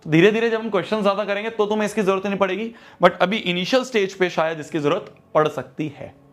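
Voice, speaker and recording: A man's voice: high-pitched, fast, faint music behind. A young man teaching a math lesson, repeating each step and talking to students like friends. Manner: repetitive, drills steps and addresses students as friends.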